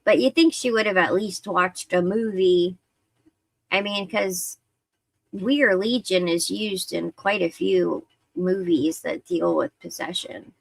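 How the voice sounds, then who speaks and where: Woman streamer, slow rambling delivery, some vocal fry, dry close sound. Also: mid-range voice, no room sound. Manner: rambling, conversational, with many fillers. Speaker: livestream host. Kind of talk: casual livestream chat.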